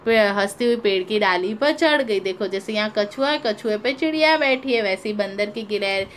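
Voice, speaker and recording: A woman's voice: medium pitch, moderate pace, a little hiss or hum. A woman teaching young children, reading a story aloud and repeating questions for her pupils. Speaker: primary school teacher.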